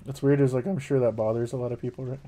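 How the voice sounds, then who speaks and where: A man's voice: medium pitch, steady tone, very fast, dark tone. A man in his thirties, casually chatting and joking as he plays a game on a live stream, swearing freely. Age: 30s. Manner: laid-back, swears a lot, joking.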